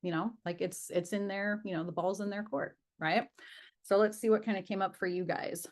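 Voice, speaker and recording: A woman's voice: medium pitch, steady tone, moderate pace. A woman sales coach leading a live online training session in a casual, chatty way, acting out how clients react.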